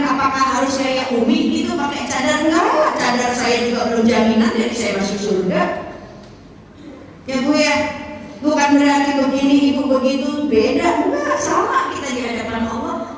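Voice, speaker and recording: High-voiced woman preaching in an echoing hall. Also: normal speed. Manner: chatty and teasing, often turning to the women listening. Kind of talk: sermon. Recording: very echoey, distant hall recording.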